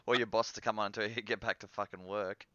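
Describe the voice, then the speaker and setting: A man's voice: fairly low pitch, fairly even intonation, fast, pushed and bright, no echo, dull audio. A man hosting a live stream, teasing and laughing in casual chat. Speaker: host.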